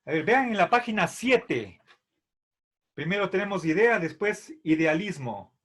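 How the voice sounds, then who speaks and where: A man's voice: sits high, animated, measured pace, a bit bright, slightly rough. A man teaching a philosophy class, explaining terms patiently with many fillers and checks for understanding. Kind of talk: online philosophy lecture.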